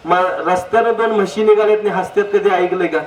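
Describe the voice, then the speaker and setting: A high-voiced man with a steady tone speaks fast in a humorous public talk on health, joking, sharing anecdotes and asking the audience direct questions. The recording is from an echoey hall with a distant mic and faint noise.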